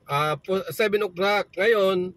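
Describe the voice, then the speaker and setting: A man's voice: high-pitched, slow pace, a bit bright, no echo. A man chatting casually inside a car, animatedly recounting a dispute at work and switching between languages. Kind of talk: casual chat.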